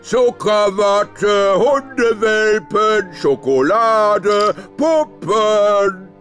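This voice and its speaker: A man's voice: sits high, lively intonation, a bit bright, soft background music, full character voice. A man voicing a dim, suspicious ogre in a video game, speaking bluntly and simply in broken sentences. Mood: slow, proud. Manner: slow, blunt, simple-minded, third-person speech.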